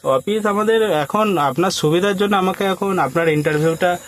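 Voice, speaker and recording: Sitting high in pitch at a normal speed, a man's voice comes through a dry recording. He's a prank caller playing a movie casting agent, casually persuading and instructing like someone running an audition.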